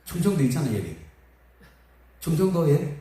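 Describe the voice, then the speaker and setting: A man preaching with a lively, rising and falling voice that swings up and down as he acts out funny stories. He is heard from a distance, and the church rings with a strong echo around him. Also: a little high, moderate pace. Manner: lively, humorous storytelling with acted-out quotes. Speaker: pastor. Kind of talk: sermon. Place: church sanctuary. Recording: echoey hall from far off.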